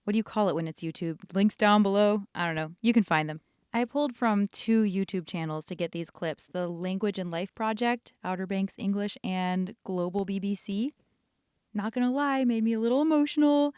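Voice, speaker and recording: A woman's voice: medium pitch, normal speed, darkish tone, smooth, no room sound, clean studio sound. A young woman casually telling rambling childhood stories while sketching, laughing often. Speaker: art channel host.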